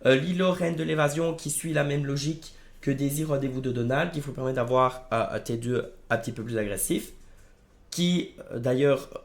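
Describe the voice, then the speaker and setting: A man with a hoarse, gravelly voice talks casually to his viewers. He sounds worn and strained in the throat, with plenty of creak, as he presents game strategy in an informal, familiar way. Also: medium pitch, moderate pace. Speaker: video creator presenting card game decks. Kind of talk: casual gaming video commentary.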